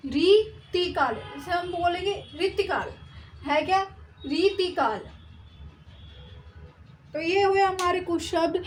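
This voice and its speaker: A woman with a very high voice teaches Hindi spelling, pronouncing each word slowly and carefully and repeating it syllable by syllable. Faint room noise sits behind her. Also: rough recording. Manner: slow, careful syllable-by-syllable pronunciation drills. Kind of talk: spelling lesson.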